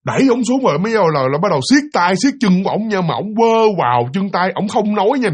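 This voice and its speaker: A man narrating a ghost story in an animated, dramatic way, speaking directly to his listeners. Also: sits high, fast, slightly rough.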